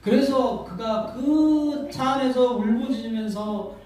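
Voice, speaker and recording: A male pastor giving a sermon, telling a story with rising emotion, repeating words and swelling loud on key lines. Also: very high-pitched, takes it slowly. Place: church sanctuary. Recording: echoey church hall from far off.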